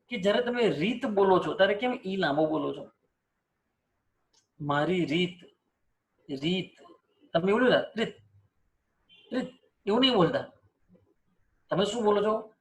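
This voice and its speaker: A man with a notably high-pitched voice leads a spelling lesson. He keeps asking his students questions and drills each example word by repeating it aloud. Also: lively intonation, brisk, long pauses. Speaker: teacher. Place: teaching setup with screen and cursor.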